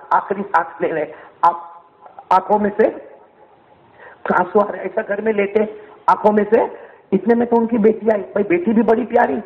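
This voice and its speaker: A male preacher delivering a storytelling sermon, often asking the congregation to answer back. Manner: rhetorical, keeps asking the crowd to answer back; storytelling with dramatic swings in pitch and loudness. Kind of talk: Islamic sermon. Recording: muffled, lo-fi, reverberant hall.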